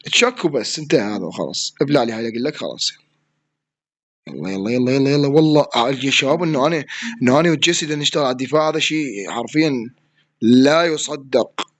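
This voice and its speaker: Fast excitable Iraqi gamer man. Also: mid-range voice. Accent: Iraqi Arabic. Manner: excitable, yells at opponents and swears mid-play. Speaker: gaming streamer. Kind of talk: live gameplay commentary.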